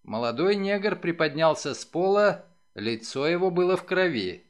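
A man narrating a novel as an audiobook, in a dramatic, expressive reading. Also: on the high side, moderate pace. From Ukraine. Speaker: audiobook reader.

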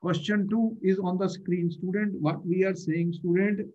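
A man's voice: high-pitched, little pitch movement, moderate pace, dark tone. A man with a North Indian accent teaching an online lesson, repeating himself and often putting questions to the learner. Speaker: chemistry teacher. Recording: dull, muffled online-class audio.

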